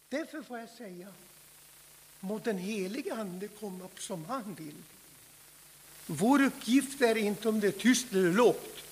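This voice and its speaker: A man preaching a fervent Pentecostal sermon, swinging from hushed asides to loud shouts. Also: high-pitched, slightly rough. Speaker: pastor. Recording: long hall reverb.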